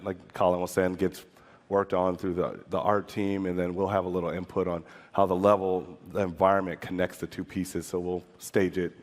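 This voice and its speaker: A man with a lowish voice answers questions on a panel, speaking loosely and filling pauses. His voice rings out into a large hall with a long reverb. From Michigan. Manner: loose, filler-heavy explaining. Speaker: level designer on a convention panel.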